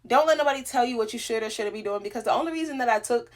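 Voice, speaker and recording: A woman speaks in a fairly high voice, sharing her journey as a motivational vlogger. Her delivery is emphatic, animated and full of casual slang. She records on a phone inside a small closet. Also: rapid-fire. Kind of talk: candid motivational storytelling to camera.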